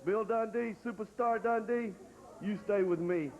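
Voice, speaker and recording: A man cutting an excitable, rambling wrestling promo, trash-talking a rival. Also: sits high, measured pace. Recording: dull lo-fi 1980s TV audio with hiss.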